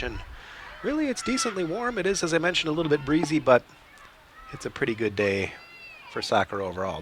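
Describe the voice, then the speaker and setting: Live from an outdoor soccer pitch, a play-by-play commentator with a medium-pitched voice made hoarse by a cold keeps up relaxed, steady, conversational calls of the match. Small restarts and throat clearing break in along the way, and there's background noise.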